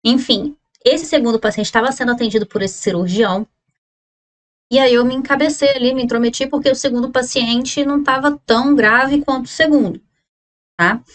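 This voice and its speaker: A woman in her thirties with a Brazilian Portuguese accent, a surgeon telling a story in a casual, animated vlog style with many restarts. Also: high-pitched, brisk. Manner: chatty, animated retelling with restarts.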